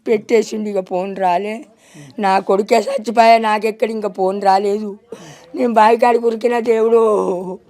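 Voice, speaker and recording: A woman's voice: mid-range voice, fairly even intonation, moderate pace, warm tone. Middle-aged woman, telangana accent, crying and wailing, keeps lamenting over and over. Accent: Telangana Telugu. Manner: lamenting, repeats cries to God and her son. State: weeping and wailing. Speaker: grieving mother interviewed. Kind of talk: emotional interview testimony.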